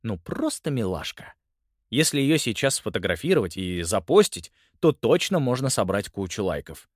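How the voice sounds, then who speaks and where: A man narrating a children's audiobook in a lively, expressive reading. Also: fairly low pitch, normal speed, no room sound, clean studio sound.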